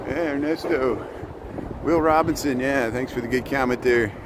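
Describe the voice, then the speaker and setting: A man chatting casually on a livestream outdoors, rambling and halting, often repeating his words. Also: medium pitch. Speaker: live streamer. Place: outdoors on a city riverwalk. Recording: outdoor livestream with clear city noise.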